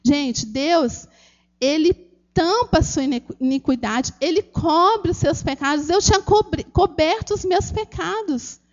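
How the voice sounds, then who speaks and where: A woman's voice: very high voice, a little slow, a little mellow, lo-fi sound. A Brazilian woman with a Brazilian Portuguese accent giving an earnest, emotional personal testimony at a church gathering, speaking directly to the audience with frequent restarts. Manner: earnest, addresses the audience as "gente", many restarts.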